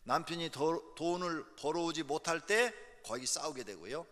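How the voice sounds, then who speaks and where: A man's voice: fairly high pitch, animated, normal speed, a bit bright. A male pastor preaching a sermon, emphatic, driving points home by repeating key words. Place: church sanctuary. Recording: echoey church hall.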